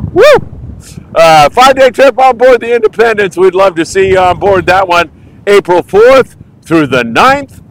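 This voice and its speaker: Upbeat American man hosting outdoors, higher-pitched. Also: a bit bright, rough recording. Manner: upbeat, folksy show host, exclamatory. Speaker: host of a fishing news vlog. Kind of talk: casual fishing report to camera. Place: outdoors on a windy beach.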